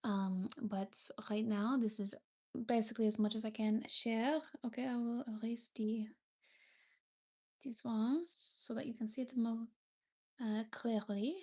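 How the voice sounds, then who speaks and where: A woman's voice: fairly high pitch, fairly even intonation, a little slow, darkish tone. A young woman from France, a native French speaker with a French accent, chatting casually on her livestream, thanking viewers and sometimes searching for English words. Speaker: livestream host.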